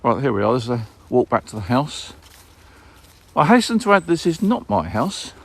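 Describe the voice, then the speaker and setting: A British man working as an amateur radio operator and vlogger, talking casually and repeating key details in an unhurried way. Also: medium pitch, very animated, vocal fry, husky. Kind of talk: casual radio contacts and commentary to viewers.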